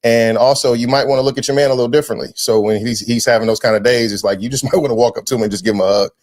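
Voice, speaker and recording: A man hosting a podcast, chatting casually and telling lively stories, dropping "man" often. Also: mid-range voice. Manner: animated storyteller, quick, slangy, says "man" a lot. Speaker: podcast host.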